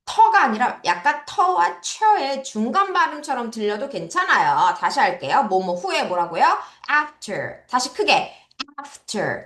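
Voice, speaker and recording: A woman's voice: sits high, fairly bright tone, roomy sound. A Korean woman teaching English vocabulary to children, repeating words and correcting their pronunciation.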